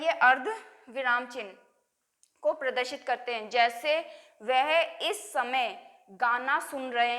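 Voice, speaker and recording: A woman teacher runs a grammar lesson for her students. She poses questions and answers them herself in a bright, high, sharp voice. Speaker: school teacher.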